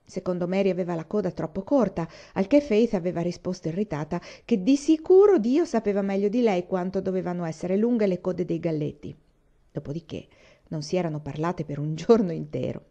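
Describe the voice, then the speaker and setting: A woman reading a novel aloud in a calm, even storytelling manner. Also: on the low side, brisk, creaky, muffled recording. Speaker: audiobook reader.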